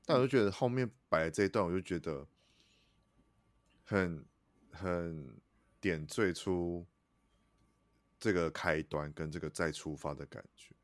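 A man's voice: deep voice, unhurried, long pauses, no echo. A man hosting a casual chat interview, hesitant and repeating words, often laughing. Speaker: podcast host.

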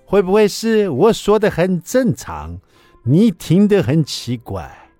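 A man's voice: high voice, wildly swooping pitch, dark tone, dry recording, soft background music, voice pushed up, full character voice. A man putting on a goofy mock foreign accent in Mandarin, speaking in an exaggerated sing-song way. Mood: teasing, mock-innocent. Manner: exaggerated sing-song, stretched slow words.

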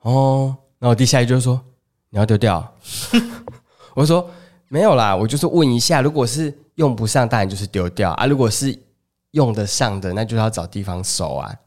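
A man's voice: medium pitch, expressive, fairly quick, a little mellow. A man with a Taiwanese Mandarin accent, co-hosting a podcast in casual chat and telling family stories with acted-out dialogue. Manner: chatty storyteller who acts out family dialogue. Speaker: podcast co-host.

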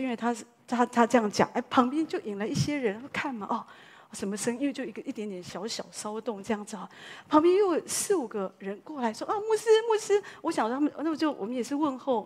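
A woman pastor, preaching a sermon as a lively story full of exclamations. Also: on the high side, quick pace, husky.

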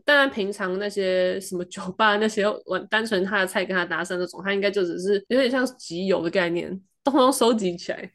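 Woman, Taiwanese Mandarin accent, podcast co-host, casual storytelling, animated. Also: brisk, hardly any pauses. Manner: animated, acts out quoted voices with big pitch jumps and laughs.

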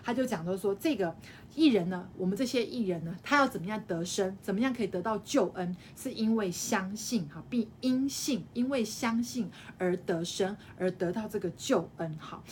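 A woman teaching a live-streamed Bible study, explaining by repeating her phrases and tagging sentences with a soft "ha". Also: medium pitch, moderate pace, a little hiss or hum.

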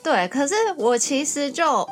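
Woman, young adult, from Taiwan, podcast co-host, casual storytelling, animated, faint music behind. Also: a little slow. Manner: lively, animated storytelling with rising excited pitch.

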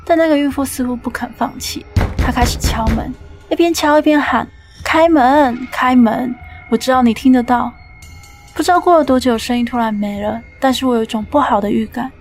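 A woman host tells a ghost story in a tense storytelling manner, slipping into voices for the quoted lines. Her voice sits a little high, with faint music underneath. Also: fast talker, darkish tone. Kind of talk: dramatic ghost story narration.

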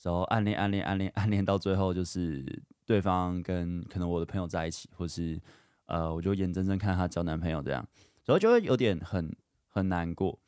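In this casual storytelling monologue, a young podcast host shares personal anecdotes candidly, with plenty of fillers, and grows lively whenever he recounts events. He speaks briskly in a low, clear, resonant voice. The studio recording is clean, with no room sound.

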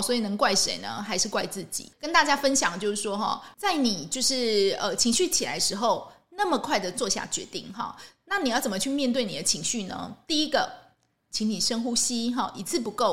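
Woman podcast host, fairly high voice, relaxed solo talk, keeps adding "ha" and asking "right?". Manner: ends phrases with a soft "ha" tag, asks rhetorical questions. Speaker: medical worker.

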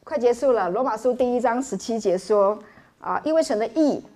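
A woman's voice: a little high, animated, fairly quick, darkish tone. A middle-aged woman pastor, preaching a sermon in a playful, joking, storytelling way.

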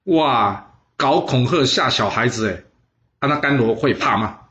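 A man's voice: mid-range voice, lively intonation, a little slow, bright, forceful tone, dull audio. A man telling history stories for an audiobook, chatty and playful, often asking listeners questions. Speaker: storyteller.

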